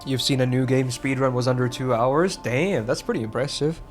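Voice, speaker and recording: A man streams a game and chats casually with viewers, reading their messages aloud and swearing now and then. His mid-range voice moves at a normal speed, with faint music in the background.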